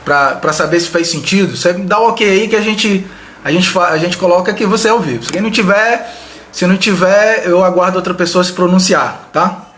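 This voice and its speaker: A man's voice: high-pitched, brisk, a bit bright, a little hiss or hum. A man giving a live online leadership training, talking conversationally and addressing viewers directly with frequent tag questions. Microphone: video call style webcam mic.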